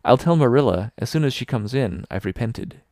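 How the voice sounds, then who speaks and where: A man's voice: medium pitch, lively intonation, fairly quick, gravelly, a little mellow, no room sound, clean studio sound. Man putting on a gushing orphan girl. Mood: earnest. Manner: gushing, theatrical pleading. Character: dramatic imaginative orphan girl, about eleven.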